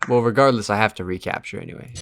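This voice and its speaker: Low-voiced man calmly walking through chess moves. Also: rapid-fire, vocal fry, no echo. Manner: methodical, calls out moves step by step, laughs easily. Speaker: chess player hosting a sparring session. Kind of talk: casual chess analysis chat.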